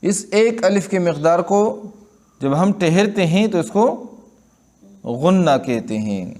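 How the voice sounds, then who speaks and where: Pakistani Quran teacher explaining tajweed rules. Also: male voice, high-pitched, animated, darkish tone. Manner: explains rules, then demonstrates by slow drawn-out recitation; repeats words and checks in with listeners. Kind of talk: Urdu tajweed lesson with recitation.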